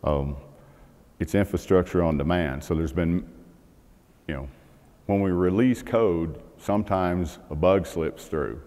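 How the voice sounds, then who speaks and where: A man's voice: sits low, a little slow, mellow. A middle-aged man giving a technical talk on a conference stage, conversational with fillers and restarts. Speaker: conference speaker. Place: large conference hall stage. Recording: long hall reverb.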